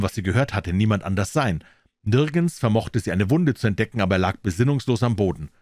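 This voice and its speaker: A man narrates a crime novel in a calm, measured audiobook reading. His voice sits low, and the recording is dry and close with no room sound. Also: no echo. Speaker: audiobook reader.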